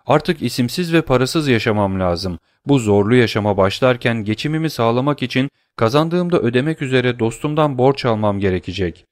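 A man's voice: mid-range voice, animated, a little fast, few pauses, no echo, clean studio sound, close to an everyday voice. A man voicing a proud young nobleman, speaking earnestly and with firm resolve. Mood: resolute.

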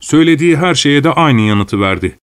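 A man giving a steady, measured scripted narration of a story. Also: a little high.

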